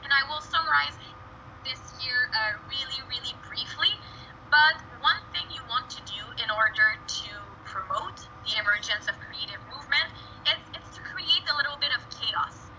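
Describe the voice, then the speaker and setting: French-accented woman presenter, high bright voice, lo-fi sound. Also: lively intonation, moderate pace. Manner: earnest, with frequent fillers and restarts. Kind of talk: prepared presentation talk. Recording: dull lo-fi recording with faint noise.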